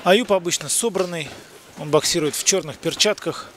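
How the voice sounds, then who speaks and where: A man's voice: high voice, moderate pace, a little hiss or hum. A man giving live boxing commentary in a conversational way. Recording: loud music behind the voice. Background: loud music, event hall sound.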